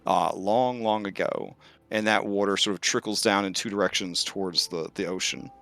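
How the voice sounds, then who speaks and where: Bright-voiced male game master. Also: lowish voice, fairly even intonation, moderate pace, gravelly. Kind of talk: narrating a tabletop roleplaying game.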